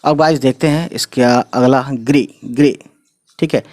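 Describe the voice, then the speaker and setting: A man's voice: medium pitch, unhurried, a little mellow, no echo, clean studio sound. A man patiently teaching Urdu letters step by step in an explanatory lesson, often checking in with the listener.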